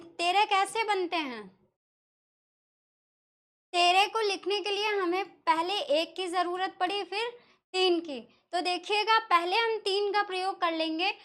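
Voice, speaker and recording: A woman's voice: very high voice, sharp tone. A woman teacher from northern India explaining a lesson step by step, asking questions and answering them herself. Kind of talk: classroom lesson explaining Sanskrit pronunciation.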